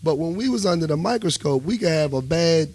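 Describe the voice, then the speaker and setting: This DC-accented man, a musician being interviewed on radio, talks a little fast in a fairly high voice. He's casual and emphatic, animated as he tells stories, and keeps checking in to make sure the listener follows.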